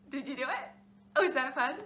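A woman children's librarian leading a storytime, talking to small children in an animated, expressive way. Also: high-pitched, echoey room, a little hiss or hum.

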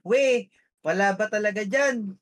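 A woman's voice: mid-range voice, measured pace, close to an everyday voice. A woman voicing a suspicious, bumbling male police officer in a game role-play, questioning in a nagging way.

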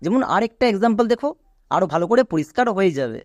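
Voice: medium pitch, very animated, very fast, darkish tone, no room sound. Patient teacher. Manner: explains step by step, quizzing the viewer with questions. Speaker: English teacher. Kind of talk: online grammar lesson.

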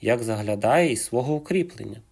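A man voicing a small, timid but cunning male hare who speaks politely and flatteringly, with a husky voice. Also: mid-range voice, brisk. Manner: polite, flattering, as courteous as he can.

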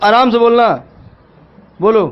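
A man's voice: extremely high pitch, takes it slowly, clean tone. A middle-aged man playing a shopkeeper in a comic phone sketch, impatient and bursting into crude swearing. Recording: dull lo-fi audio.

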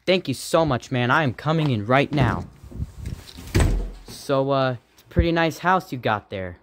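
A man's voice: mid-range voice, animated, unhurried, background noise, lightly acted. Man as a neighbor dad sock puppet, goofy, blunt, touchy, homemade comedy. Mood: friendly.

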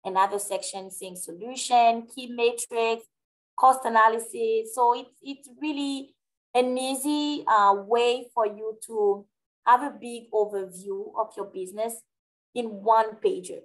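A friendly native French speaker with a French accent presents a live webinar over a video call, answering questions in an explanatory way with many hesitant fillers. Her voice is fairly high and fairly even, a little slow. The webcam audio is rough.

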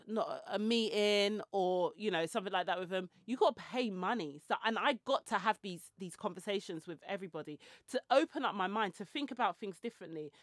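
This is a forties-aged woman hosting a podcast, her medium-pitched voice picked up by a handheld mic held close. She chats casually, wandering off on tangents and making self-mocking asides, in a small indoor room with shelves and clothes rails, with studio-quality audio and no room sound.

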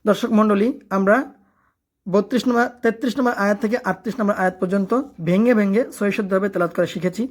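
A woman teaching tajweed. She alternates rapid spoken explanations with slow, drawn-out chanted recitation of verses. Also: mid-range voice, fairly even intonation, a little mellow.

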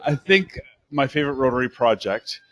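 A man giving a halting impromptu speech at a club meeting, full of fillers and nervous giggles. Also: medium pitch, animated, a bit bright, dry recording. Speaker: club member answering a question. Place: cafe meeting room.

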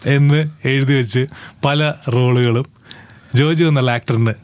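A man from Kerala, speaking with a Keralite Malayalam accent, hosting a radio interview in an upbeat, brisk way and laughing often. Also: medium pitch, steady tone, a little mellow, smooth, no echo. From Kerala, India. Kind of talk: casual radio interview with rapid-fire questions.

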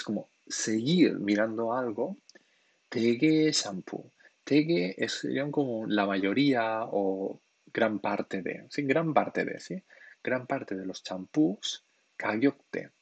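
Husky-voiced man teaching on a livestream. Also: lowish voice, no room sound. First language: Spanish and Catalan. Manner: patient, explanatory, keeps checking in with "¿sí?". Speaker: Korean language teacher on a livestream. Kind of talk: live-stream lesson, reading chat questions.

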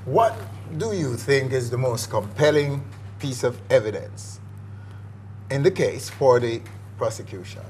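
A man's voice: medium pitch, expressive, measured pace, darkish tone, slight background noise. A young man hosting a TV studio interview, polished and questioning, with brief affirmations. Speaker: TV host.

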